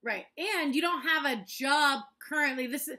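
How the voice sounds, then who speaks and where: A woman chats casually as a podcast co-host from home, her voice high and ringing bright. She laughs a lot and swears freely, talking straight into her laptop. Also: moderate pace. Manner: chatty, laughs often, swears. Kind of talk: casual chat.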